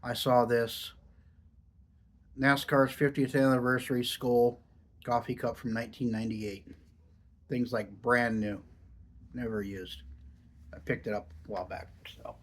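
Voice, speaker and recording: With a lip full of dipping tobacco slightly muffling his words, an Oregon man rambles casually to camera in a folksy vlog that reviews dip. His voice is medium-pitched and fairly flat, at a measured pace with frequent pauses.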